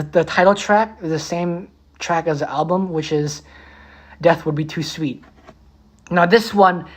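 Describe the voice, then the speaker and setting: A beatboxer and musician chatting casually on a livestream, repeating titles slowly and humming melodies. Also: mid-range voice.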